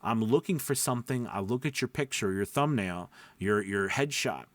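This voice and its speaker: His voice sits on the low side, with lively intonation and a normal speaking speed, and the recording has no room sound. As a voice-over coach and mentor, he rambles conversationally and emphatically, breaking off his own sentences and often tossing in short check-in questions.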